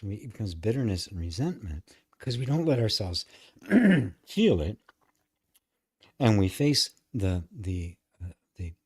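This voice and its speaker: A low, husky male voice teaching emotional tapping live, with lively swings of pitch. He talks frankly, swears now and then, and acts out inner voices. The sound is dry and close. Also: dry recording.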